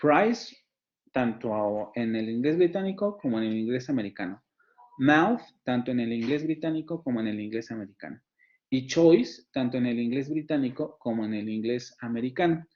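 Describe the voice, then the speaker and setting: Male phonetics lecturer, Mexican Spanish accent, mid pitch, patient and repetitive, slightly dull lo-fi audio. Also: animated. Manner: explanatory, repeats example words slowly, frequent fillers. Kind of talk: online lecture to students.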